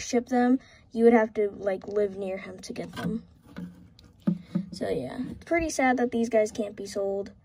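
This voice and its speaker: A woman's voice: fairly high pitch, a little mellow. A young woman chatting casually about her pet reptiles in a pet care vlog, rambling with many fillers and restarts, filmed on a phone or camera near the tank. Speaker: reptile keeper vlogger.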